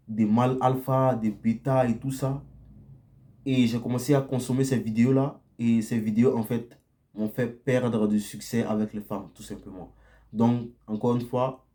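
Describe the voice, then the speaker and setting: Blunt man with a dark voice. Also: on the low side. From Côte d'Ivoire. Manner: frequent tag "ok?" and repetitions, direct and blunt. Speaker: dating advice vlogger. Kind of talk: casual monologue to camera.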